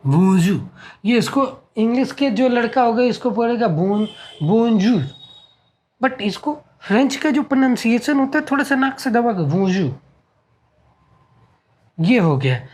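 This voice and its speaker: An Indian man teaching a beginners' French lesson, repeating words one at a time in a slow, halting classroom delivery. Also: very high voice, expressive.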